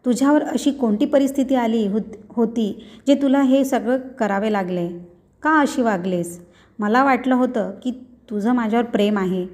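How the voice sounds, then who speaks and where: A woman's voice: fairly high pitch, normal speed, darkish tone, natural voice. A woman voicing a hurt, angry young man. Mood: bitter. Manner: bitter, accusing. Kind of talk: storybook reading.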